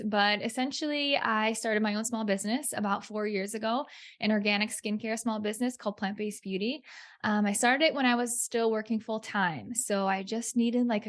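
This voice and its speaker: A woman's voice: fairly high pitch, fairly bright tone. A woman business coach chatting casually as a podcast guest, upbeat and informal. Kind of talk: casual interview chat.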